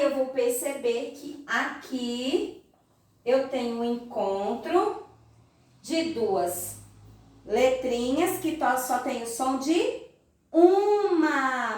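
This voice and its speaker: A Brazilian woman teaching young children in a slow, sing-song voice, recorded in an echoey room from some distance. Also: sits high, a little mellow. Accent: Brazilian Portuguese. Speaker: primary school teacher. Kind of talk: recorded remote class lesson.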